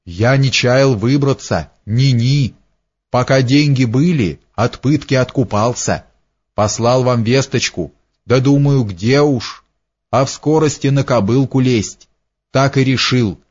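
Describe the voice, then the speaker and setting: Мужчина озвучивает атамана разбойников, только что вышедшего на волю, с простонародной речью. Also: male voice, medium pitch, measured pace, darkish tone, lightly acted. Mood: радостно. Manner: joyful, folksy speech. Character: Мирон, remorseful freed robber chief, warm. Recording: dull lo-fi recording.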